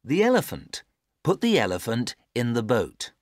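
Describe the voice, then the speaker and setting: A woman's voice: very deep voice, huge pitch swings, moderate pace, a little mellow, no echo, studio quality, full character voice. A woman acting a patient adult giving simple instructions in careful, stilted textbook dialogue. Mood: patient, instructive. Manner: careful, over-clear instructing.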